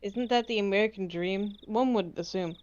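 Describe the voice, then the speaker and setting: A woman's voice: medium pitch, normal speed, darkish tone, highs cut off. A woman co-hosting a game playthrough, chatting casually and reading aloud from a visual novel.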